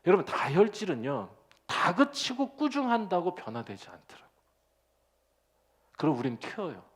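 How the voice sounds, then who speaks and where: A man's voice: high-pitched, wildly swooping pitch, moderate pace. A male pastor delivering a sermon in a playful, personal way, laughing at his own jokes and speaking straight to the congregation.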